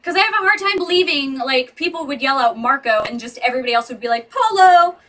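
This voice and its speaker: A woman's voice: high voice, quick pace, pushed and bright, far from the mic. A woman in her thirties chatting casually and rambling with her viewers, laughing often. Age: 30s. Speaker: vlogger. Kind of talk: casual live chat with viewers. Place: home with street traffic outside.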